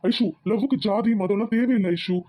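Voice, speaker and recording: A woman's voice: on the high side, brisk, mellow, natural voice. A woman voicing a lovesick young male student in a Tamil cartoon, begging earnestly.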